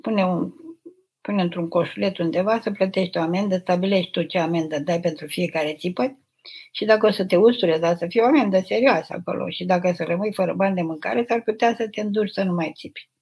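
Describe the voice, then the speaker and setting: An older woman, an abbess, reading out viewers' questions and answering them in a gentle, motherly, unhurried way during a live spiritual question session. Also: fairly low pitch, breathy edge. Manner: gentle, motherly, unhurried, addresses listeners tenderly. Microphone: live stream microphone.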